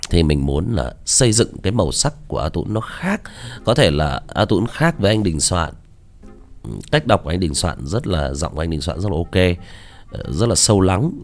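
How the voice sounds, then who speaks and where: A man's voice: low voice, sing-song, normal speed, soft background music. A man, a story narrator, chatting casually about his voice acting, hesitant with many fillers. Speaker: audiobook narrator.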